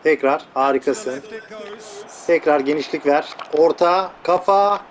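A man with a somewhat high voice, unhurried in delivery, provides casual commentary on a football video game he's playing. He teases his players and grumbles at them, with the game's crowd audio loud in the background.

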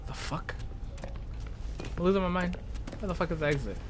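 A man chatting casually during co-op gameplay, excitable, repeating himself and swearing. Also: high-pitched, normal speed, slight background noise. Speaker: gamer.

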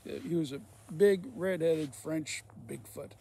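Gravelly folksy man telling stories. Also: on the high side, slow pace, mellow. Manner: folksy, rambling, repeats himself. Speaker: storyteller, former welder. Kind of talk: casual spoken storytelling.

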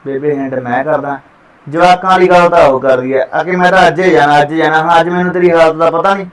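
A man's voice: on the high side, steady tone, fast, crowd noise, close to an everyday voice. A young man playing a dutiful farmer son and husband, talking in a defensive, reassuring way. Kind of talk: village family short-film acting.

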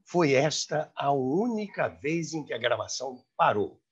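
A host and storyteller in his seventies with a Brazilian accent delivers animated, theatrical, emphatic anecdotes to camera. His mid-range voice is very animated and breathy-edged, at a measured pace. He wears a clip-on lapel mic, and the highs are cut off.

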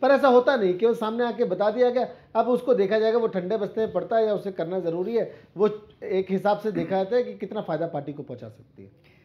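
Male anchor, high voice, slightly muffled, brisk, debate moderator. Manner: brisk, hands the floor to guests. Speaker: news anchor.

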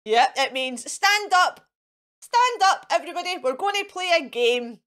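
A Scottish woman in her thirties plays a fairy host for children, presenting playfully in an exaggerated, sing-song, coaxing and encouraging way. Her voice is very high, expressive, unhurried and a bit bright. She's indoors in front of a fairy backdrop.

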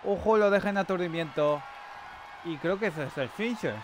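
A man giving casual, excitable live commentary on the game he is playing. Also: high voice, crowd noise. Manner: excitable, frequent quick exclamations. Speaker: streamer. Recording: noisy game sound underneath.

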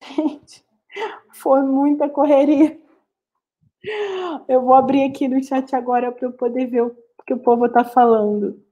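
Brazilian woman guest lecturer, high warm voice, earnest teacher talking to students on a video call. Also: flat delivery, a little slow, pauses often, lo-fi sound. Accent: Brazilian Portuguese. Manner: earnest, explanatory, addresses students directly. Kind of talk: live online class lecture.

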